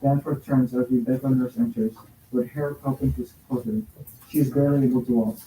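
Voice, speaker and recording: A man reading stage directions aloud in a classroom, halting and stumbling over words. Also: mid-range voice, mellow, slight background noise. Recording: echoey classroom from a distance.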